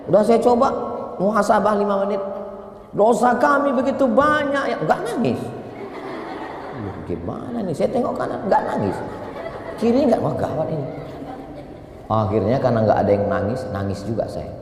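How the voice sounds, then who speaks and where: A man preaching a sermon, an animated storyteller who lifts his voice high for quotes. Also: moderate pace, long pauses, a faint crowd, slight background noise. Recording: reverberant hall with faint ambience.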